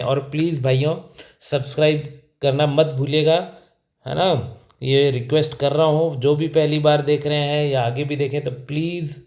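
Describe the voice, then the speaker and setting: A man's voice: fairly high pitch, darkish tone. Man teaching pronunciation in an echoey room. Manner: repeats questions and answers them himself. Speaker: English teacher. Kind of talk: spoken lesson.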